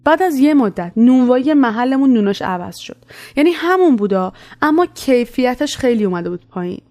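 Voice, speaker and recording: A woman casually telling a story from her childhood, in a conversational way. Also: sits high. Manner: conversational, animated when quoting.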